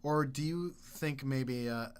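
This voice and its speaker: A man's voice: medium pitch, slow, smooth. A young man co-hosting a podcast in casual chat, jokey and easily sidetracked. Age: young adult. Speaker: podcast co-host.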